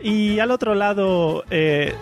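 A man's voice: high voice, slow, faint music behind. A man hosting a casual podcast chat, joking and laughing often. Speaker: podcast host.

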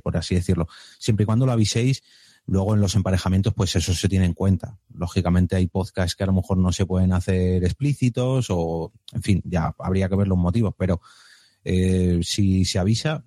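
Deep, dark-voiced Spanish man. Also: no echo, studio quality. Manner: hesitant, explanatory, restarts often. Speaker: podcast event co-organizer. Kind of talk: casual podcast chat.

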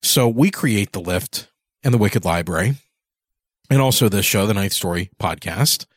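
A podcast host with a lowish, slightly rough voice talks and interviews in a conversational, reflective way, often rephrasing himself mid-thought. His intonation is lively and his pace moderate, and the recording is dry and studio quality.

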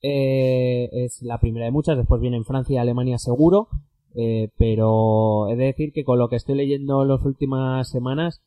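Mellow-voiced man with a Castilian Spanish accent. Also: mid-range voice, steady tone, normal speed, dry recording. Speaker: podcast co-host. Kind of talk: casual conversational political commentary.

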